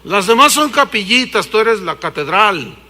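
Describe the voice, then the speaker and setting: A man's voice: high voice, very animated, moderate pace, sharp tone, in a large hall, exaggerated voice. A preacher voicing a womanizing husband who coaxes his wife with sweet talk during a sermon anecdote. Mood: coaxing. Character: smooth-talking womanizing husband.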